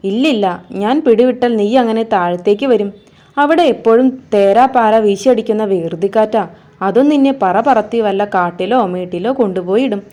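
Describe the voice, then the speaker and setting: A woman's voice: mid-range voice, normal speed, warm tone, natural voice. A woman voicing a worried young girl who anxiously and insistently calls her kite back, in a read-aloud storybook. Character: worried young girl, protective older sister.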